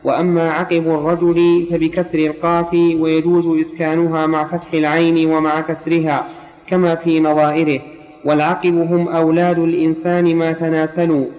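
Man, high flat voice, reading classical text aloud, measured, lo-fi recording with long reverb. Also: soft background music. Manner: measured reading, rereads lines when corrected. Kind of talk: reading classical Arabic text in a study circle.

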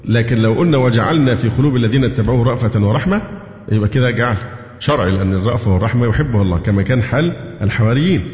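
A man with an Egyptian accent teaching a tafsir lesson, reciting verses slowly and quizzing his listeners with fill-in questions. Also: mid-range voice, lively intonation, darkish tone. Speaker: Quran teacher. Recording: dull echoey hall recording.

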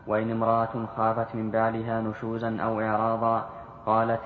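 A man reading source texts aloud in a lesson, reciting in a steady way. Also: lowish voice. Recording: echoey hall, phone-like sound, faint noise.

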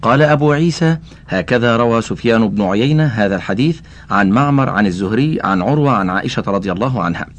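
A man's voice: mid-range voice, animated, fast, muffled recording. A man reading a classical religious text aloud as an audiobook, adding commentary and carefully spelling out how names are voweled. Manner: addresses the listener directly. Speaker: audiobook reader.

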